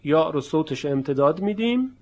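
A man with a slightly raised pitch teaches a Quran recitation lesson. He explains each rule step by step, then stretches out the example words slowly and with emphasis so the sounds come through clearly. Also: animated, muffled recording. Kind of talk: tajweed lesson.

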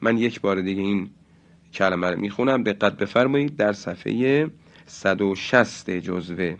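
A man teaching Quran recitation rules in a slow, deliberate lesson, stretching out example words. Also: lowish voice, highs cut off. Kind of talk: religious lesson.

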